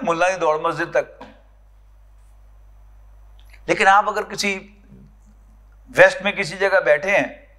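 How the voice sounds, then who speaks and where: A man's voice: on the high side, pushed and bright. A man with a Pakistani Urdu accent giving a classroom lecture on scripture, often putting questions to his students. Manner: explaining, asks the class questions. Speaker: Quran lecturer. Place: lecture hall.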